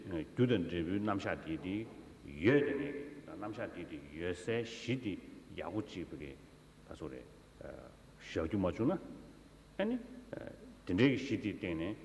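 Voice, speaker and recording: A Tibetan man with a very low voice gives a Buddhist teaching in a halting way, repeating words as he goes. His voice rings through a large reverberant hall with a little noise. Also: a little mellow. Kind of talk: religious teaching, spoken in turns with an interpreter. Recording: echoey hall, long reverb, faint noise.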